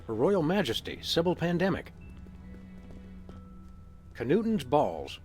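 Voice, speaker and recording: An actor voicing a deadpan dog detective in a video game, delivering dry quips. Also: male voice, fairly high pitch, unhurried, faint music behind.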